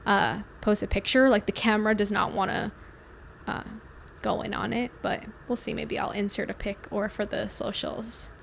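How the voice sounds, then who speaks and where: A woman's voice: medium pitch, normal speed, gravelly, a little hiss or hum. A young woman co-hosting a podcast in casual, chatty talk full of fillers. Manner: chatty, filler-heavy, lively. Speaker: podcast co-host. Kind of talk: casual chat.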